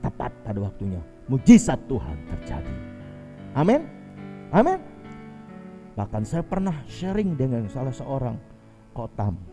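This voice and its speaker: A man's voice: medium pitch, wildly swooping pitch, a little slow, pauses often, warm tone, faint music behind. A male pastor delivering a Sunday sermon in church, preaching emphatically with frequent sighing exclamations. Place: church service.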